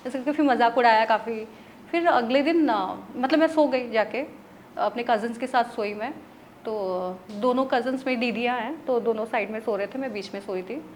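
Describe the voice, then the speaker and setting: Woman, from Odisha, interview guest, chatty storyteller, higher-pitched voice, faint background noise. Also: moderate pace. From Odisha, India. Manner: chatty, mixes English words, checks in with "right?". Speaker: guest, tarot reader.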